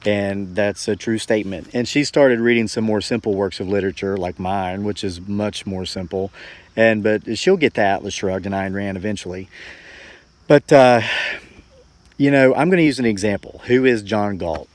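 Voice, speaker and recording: A forty-four-year-old man with a fairly low voice talks to viewers at a normal pace, casual and reflective, as a homesteading vlogger. His storytelling is folksy, earnest and rambling, and the recording is dry.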